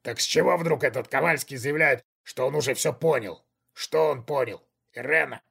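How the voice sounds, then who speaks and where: Man doing a hoarse, gravelly menacing conspirator. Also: fairly even intonation, fairly quick, fairly bright tone. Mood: pressing. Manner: low, pressing, controlled. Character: menacing gruff middle-aged conspirator man.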